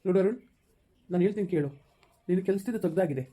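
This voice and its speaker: A woman's voice: fairly low pitch, fast, warm tone, close to an everyday voice. A woman playing a stern middle-aged male office boss who lectures and scolds an employee in a village skit. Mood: scolding.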